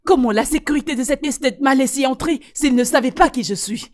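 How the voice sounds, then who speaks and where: A woman dubbing a bossy high-voiced mother. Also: fairly quick, lightly acted. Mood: scolding. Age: older. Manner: bossy, scolding. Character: overbearing older mother visiting her son. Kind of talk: French film dub.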